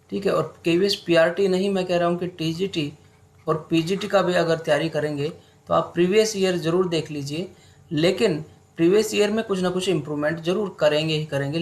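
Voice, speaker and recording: Relaxed and in no rush, a young man whose voice runs a little high leads an exam-prep class online. English terms pop up throughout his talk.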